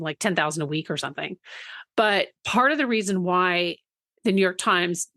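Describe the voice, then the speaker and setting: A woman's voice: mid-range voice, a bit bright, no echo, clean studio sound. A woman co-hosting a podcast in a chatty, casual way, often restarting her sentences and laughing easily. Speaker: podcast co-host.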